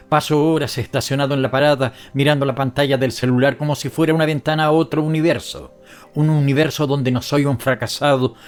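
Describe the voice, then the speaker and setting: A man narrating a first-person audiobook story in a somber, measured way. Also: medium pitch.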